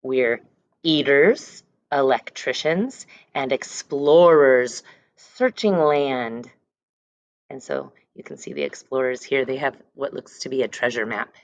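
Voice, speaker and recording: Reading aloud to her elementary class, a woman teacher speaks in a rumbling low voice at a slow pace, highlighting words and letter sounds and explaining things briefly. The sound is lo-fi and has no echo.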